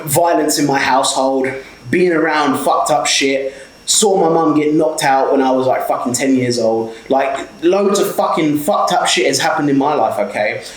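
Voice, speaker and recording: His voice a little high, a small business owner and mentor in his twenties from South London gives a blunt motivational talk to camera, swearing heavily and repeating "okay?". The recording is low-quality and reverberant.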